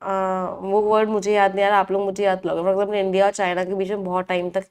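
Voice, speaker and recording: A woman's voice: medium pitch, level tone, fast talker, a little mellow, clean tone. A woman teaching English vocabulary in a live online class, asking the class questions, answering them herself and repeating each meaning.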